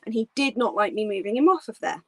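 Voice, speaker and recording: A woman's voice: medium pitch, animated, fast talker, fairly bright tone, no echo. Woman, livestream host, casual rambling chat with ums, close dry sound, bedroom at home. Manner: rambling, with frequent "um"s and restarts.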